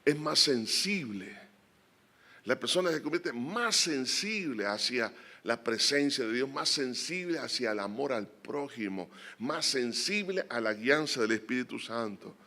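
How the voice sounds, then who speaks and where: A male pastor preaching a sermon in a bright, forceful voice. He swings between emphatic, climbing exhortations and hushed, earnest prayer. His pitch sits in the middle for a man. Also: expressive, a little slow.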